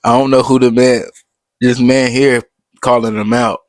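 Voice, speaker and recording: A man's voice: medium pitch, level tone, moderate pace, no echo. A man giving casual, slangy, amused reaction commentary. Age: adult past early twenties. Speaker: reaction host.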